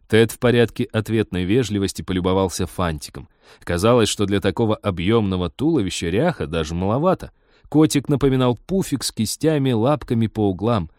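A man narrating a humorous story in a measured, wry audiobook reading. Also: fairly low pitch, darkish tone, no echo, studio quality.

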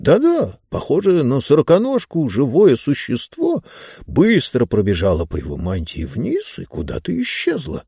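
Male audiobook reader; very lively intonation, dry booth-like sound, expressive storyteller. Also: mid-range voice, moderate pace, gravelly, slightly rough, dry recording. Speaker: narrator. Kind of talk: scripted audiobook narration.

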